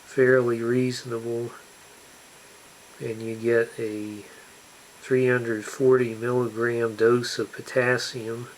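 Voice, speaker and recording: A man hosting a casual food review to camera, speaking in a deliberate, emphatic way with drawn-out words. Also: mid-range voice, level tone, slight background noise, poor audio. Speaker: snack review channel host.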